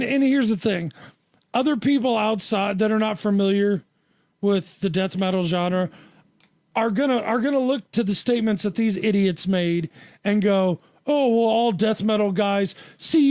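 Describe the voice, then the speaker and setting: A man co-hosting a casual podcast, joking and rambling. His voice sits high, and the recording is dry and close with no room sound. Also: a little mellow, no room sound. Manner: joking, rambling, quick laughs. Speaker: podcast co-host. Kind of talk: casual chat.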